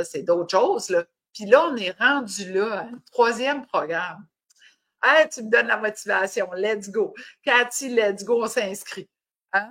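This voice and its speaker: A woman's voice: fairly high pitch, a bit bright. A woman with an Acadian French accent hosting a casual fitness live stream, upbeat and cheering, slipping English words into her talk. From New Brunswick, Canada.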